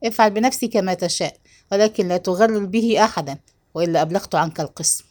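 A woman voicing a harsh, sharp-tongued male neighborhood chief who scolds in a read-aloud story. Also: medium pitch, quick pace, natural voice. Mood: scolding.

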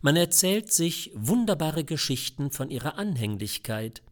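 A man voicing a calm, showman-like guide in a storybook reading. He explains slowly and deliberately, his pitch rising and falling in lively arcs. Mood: explaining. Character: calm zoo-style tour guide man.

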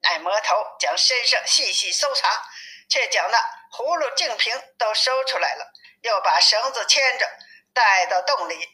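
A woman reading a classic novel aloud as a storyteller, in steady, even narration, with a tinny phone-like sound. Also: mid-range voice, a little slow.

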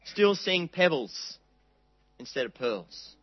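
A man preaching a sermon, earnest and dramatic, reading scripture aloud with quiet pauses. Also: a little high, sing-song, no room sound, lo-fi sound, faint music behind.

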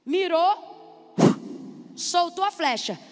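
A woman preaches with a very high-pitched voice and lively energy, calling out to the congregation for responses. She acts out the people in the story as she goes. Her voice rings with a long reverb through a large hall, with faint music underneath. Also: extremely slow. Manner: animated, calls for congregation responses. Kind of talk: preaching a sermon. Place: church sanctuary.

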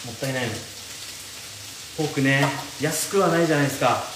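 A man's voice: mid-range voice, fast talker, background noise. Young man chatting over frying. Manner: chatty, reads viewer comments aloud and answers them. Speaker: live-stream radio host. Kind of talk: casual chat while cooking. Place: home kitchen, indoors. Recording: roomy kitchen with loud frying sizzle.

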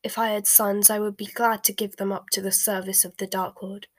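A woman's voice: medium pitch, level tone, brisk, dry recording, natural voice. Woman playing a haughty, ruthless zealot sister. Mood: proud, ruthless. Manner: imperious, dismissive.

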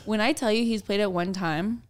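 Raspy young woman in playful podcast banter. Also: medium pitch, fairly quick. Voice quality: raspy, gravelly voice. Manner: playful, animated, teasing. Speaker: podcast co-host.

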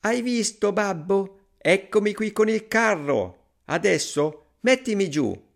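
Guy doing a squeaky little thumb-sized kid, eager and chirpy, gravelly edge, bouncy. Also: slow, exaggerated voice. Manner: high, chirpy and excited. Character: tiny thumb-sized boy, bright and eager.

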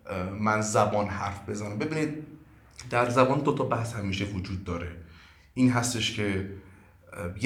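A man's voice: fairly low pitch, a bit bright. Earnest man lecturing in an echoey room. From Iran. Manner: earnest, lecturing, many fillers. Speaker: language teacher. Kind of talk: podcast interview answers.

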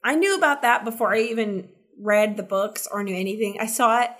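A woman's voice: mid-range voice, brisk, a bit bright. A woman co-hosting a casual podcast chat, laughing often and searching for words.

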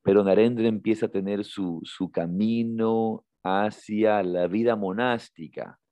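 A man co-hosting a podcast, retelling a story in a casual, halting way, often repeating words and lifting his voice when he quotes someone. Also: on the low side, fairly even intonation, mellow, no room sound. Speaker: podcast co-host.

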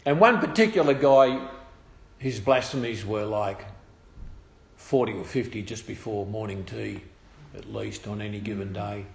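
Australian man, unhurried and halting personal testimony, echoey room. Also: on the low side, vocal fry. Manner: halting, with restarts and trailing phrases.

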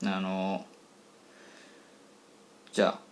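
A man co-hosting a podcast in casual chat, giving playful teasing quiz hints in drawn-out single syllables. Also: low-pitched, monotone. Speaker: podcast co-host.

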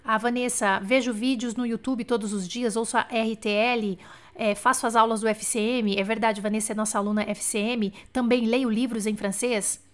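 A woman's voice: a little high, fairly even intonation, moderate pace. A woman who teaches French on a live stream, chatting casually as she reads out viewers' comments and slips into French phrases. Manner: chatty, reads comments aloud, switches between Portuguese and French.

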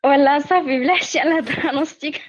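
A woman's voice: high voice, brisk. A Moroccan woman in her twenties calling into a live stream, her voice cutting in and out over a weak connection. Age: 20s. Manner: mixes in English phrases. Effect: voice breaking up through static over a weak call connection. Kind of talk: casual chat. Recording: muffled, choppy online call line.

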